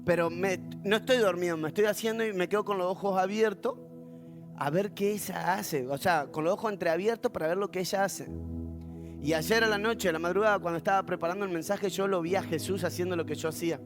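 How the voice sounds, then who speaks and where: A man with a Rioplatense accent preaching a sermon as pastor, telling stories with humor and acting out the voices of others. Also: sits high. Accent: Rioplatense Spanish. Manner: animated storytelling with humor, acting out quoted voices.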